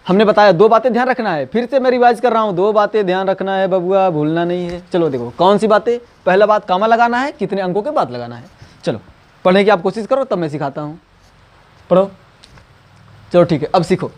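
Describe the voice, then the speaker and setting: A man teaching math, coaxing students and repeating number names slowly. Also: high voice, animated. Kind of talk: classroom lesson.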